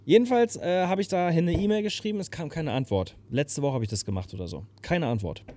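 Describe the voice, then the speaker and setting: A young man telling a long story in casual chat, breaking into loud shouted impressions. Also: on the high side, a little fast.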